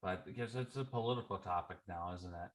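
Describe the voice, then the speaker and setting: A man's voice: low-pitched, a little fast. A man speaking on a discussion panel, hesitant and full of restarts as he works through his point. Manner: hesitant, many fillers and restarts.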